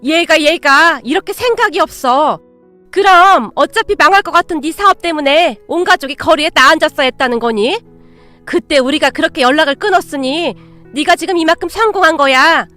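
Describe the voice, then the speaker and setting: A woman voicing a self-righteous middle-aged mother who talks in a sharp, accusing way in a storybook reading. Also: high voice, brisk, faint music behind. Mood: scolding.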